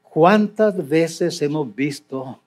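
An older man preaching a sermon as pastor, reading scripture and then commenting on it with dramatic swings between loud emphasis and quiet asides. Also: a little high, expressive, very slow.

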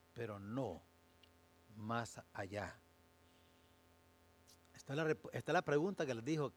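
A male pastor preaching a sermon, moving from measured explanation to slow, emphatic, fervent declarations. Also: mid-range voice, slight background noise.

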